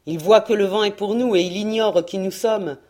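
A woman's voice: mid-range voice, moderate pace, a little mellow, close to an everyday voice. A woman voicing a confident male privateer sailor who speaks firmly and with assurance. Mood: calm.

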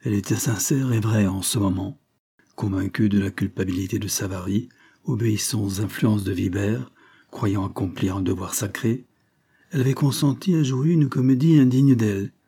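A man narrating a classic novel as an audiobook in a measured, even way. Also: on the low side, slightly rough.

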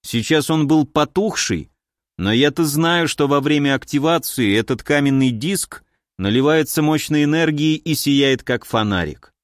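A man narrating a fantasy audiobook in a steady, even storytelling manner. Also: fairly high pitch, measured pace, no echo, studio quality.

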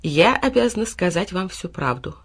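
A woman's voice: mid-range voice, lively intonation, moderate pace, close to an everyday voice. A woman voicing a stern, commanding old fairy in a storybook reading. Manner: reproachful, commanding.

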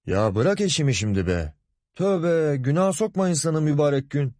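A man's voice: on the low side, expressive, normal speed, darkish tone, no echo, studio quality, voice pushed up. A man voicing a pompous, lecherous middle-aged male boss in an audiobook, wheedling and bossy by turns. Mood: grumpy bossy. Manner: wheedling, grumbling, commanding.

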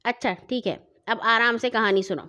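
A woman's voice: fairly high pitch, fairly even intonation, bright, forceful tone. A woman voicing a cross, bossy older sister who keeps getting interrupted while telling a bedtime story. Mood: soothing. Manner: exasperated, scolding.

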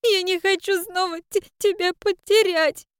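A terrified little girl cries and stammers in a thin, very high voice, catching her breath between pleading words. The sound is dry and close, with no room around it. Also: normal speed, no room sound. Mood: stammering. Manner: stammering through tears, pleading. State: crying. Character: frightened little girl, sobbing and clinging.

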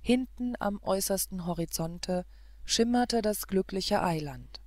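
Woman, audiobook narrator, fairy tale, calm and measured, very slow, dry close sound. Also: medium pitch, no room sound.

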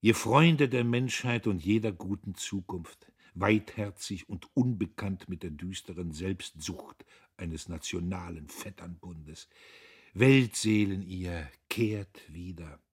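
Brief: male reader doing a drunk old idealist making speeches, husky and low-ish. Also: takes it slowly, exaggerated voice. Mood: musing grandly. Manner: declaiming, grandly rhetorical. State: tipsy. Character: drunk, sentimental, speechifying older liberal man. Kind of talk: audiobook reading.

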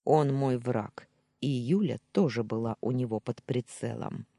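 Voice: medium pitch, unhurried, vocal fry, warm tone, no room sound, studio quality. A narrator voicing the hero, a brooding young man bent on revenge, speaking grimly.

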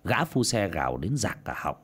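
A man narrating a folk tale with an expressive, dramatic storytelling delivery. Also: deep voice, moderate pace, husky.

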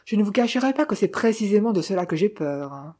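Grave gentleman adventurer, read by a woman. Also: medium pitch, lively intonation, brisk, breathy edge. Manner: grave, earnest. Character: cultured adventurer man, grave and modest. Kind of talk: audiobook reading.

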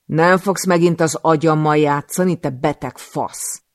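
A man reading an audiobook, voicing a furious, vengeful young female assassin who shouts in raw anger. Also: on the high side, no room sound, studio quality, lightly acted.

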